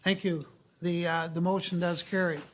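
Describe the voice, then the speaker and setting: A woman's voice: on the low side, flat delivery, normal speed. A woman chairing a formal public commission meeting, moving through the procedure.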